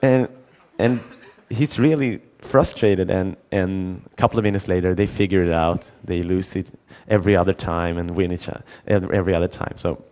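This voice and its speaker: This middle-aged man's conference talk centers on a story he tells with many restarts and repeated words, voicing the dialogue himself. He speaks in a low, mellow, steady voice at normal speed, barely pausing.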